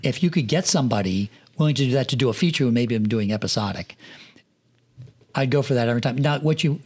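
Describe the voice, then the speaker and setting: A man's voice: mid-range voice, a little mellow. Rambling middle-aged man telling set stories. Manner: rambling anecdotal storyteller, many fillers. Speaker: film production manager guest. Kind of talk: casual podcast interview.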